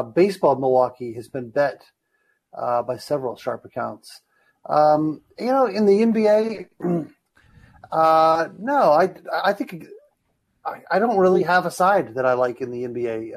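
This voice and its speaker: A man offers casual sports betting analysis in a moderately high voice. He speaks in a halting, hesitant way. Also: animated.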